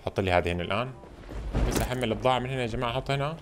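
A man giving excitable, chatty let's-play commentary and constantly calling out to his viewers. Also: medium pitch, very fast. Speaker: gaming channel host. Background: game background music.

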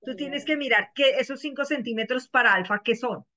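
A woman's voice: sits high, a little fast, sharp tone, dull audio. A woman teaching math in an online class, patiently explaining and asking her students questions over and over.

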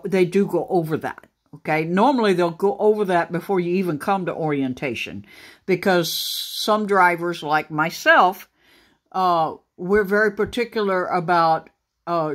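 A truck driver talks to his audience in a slow, unhurried way. He stops and restarts often and fills pauses with ums and uhs. It sounds like an off-the-cuff video recorded by phone. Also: high-pitched, a bit bright. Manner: unhurried, halting, many fillers and restarts. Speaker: trucker vlogger. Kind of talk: casual talk to camera. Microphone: phone camera pointed at a laptop screen.

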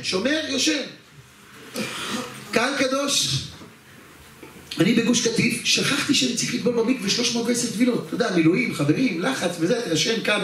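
High-voiced rabbi in a very echoey hall. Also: male voice, slight background noise. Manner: lively storyteller who addresses the audience directly and acts out scenes. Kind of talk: personal story told in a religious talk. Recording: very echoey hall, far from the mic.

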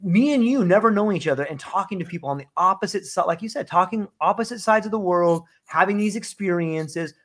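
An older man, talking in a loose, animated way full of fillers, on a video call from home. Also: high-pitched, fast talker, few pauses. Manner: animated, rambling, many fillers. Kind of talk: casual conversation.

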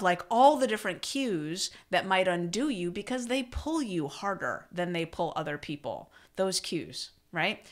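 A woman from San Francisco, a podcast guest talking in an earnest, reflective way, peppered with "like" and "right?". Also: lowish voice. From San Francisco, USA. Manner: earnest, reflective, filler-heavy with frequent "like" and "right?". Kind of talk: casual podcast conversation.

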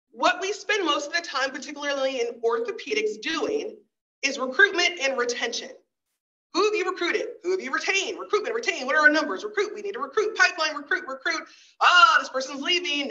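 A woman with a bright, forceful voice gives a lively conference lecture, slipping in sarcastic asides. She sits on the higher side of pitch and sounds a little distant from the mic. The recording is dull and lo-fi. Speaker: guest speaker.

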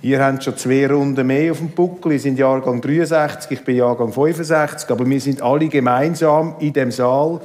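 A man in his fifties with a Swiss German accent, moderating a talk on stage in a large hall with a chatty, lively manner. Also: medium pitch. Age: 50s. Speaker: host. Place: large hall with live audience.

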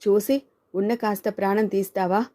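A woman's voice: mid-range voice, fairly even intonation, normal speed, mellow, natural voice. A woman voicing a man who fiercely protects a writer friend in a storybook reading, scolding and defiant.

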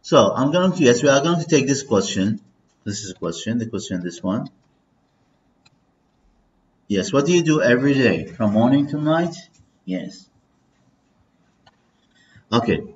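A man whose first language is Arabic, teaching English by repeating each phrase slowly and translating it for his students. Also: medium pitch, sing-song. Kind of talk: slow drilling language lesson, repeating and translating. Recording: slightly dull, lo-fi recording with faint noise.

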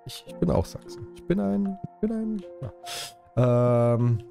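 Gaming YouTuber, man from Saxony, lively pitch, light music behind. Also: takes it slowly, creaky. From Saxony, Germany. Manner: chatty, jokey, talks straight to viewers. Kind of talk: casual let's-play commentary.

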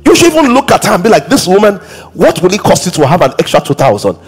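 A pastor in his thirties with a Nigerian English accent preaches a lively sermon on a church stage in a high, husky voice at a fast pace. He acts out quoted voices and now and then bursts into song or shouts.

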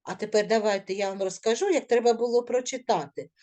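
A woman's voice: on the high side, quick pace, a little mellow. A middle-aged woman teaching a video lesson to young children, encouraging them and drilling syllables in a sing-song way. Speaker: primary school teacher.

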